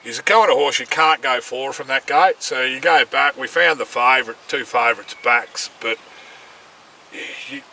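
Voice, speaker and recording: A man's voice: medium pitch, normal speed, creaky, pushed and bright, distant mic, a little hiss or hum, rough recording. An Australian man co-hosting a casual chat, giving rambling race reports. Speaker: racing syndicate co-host.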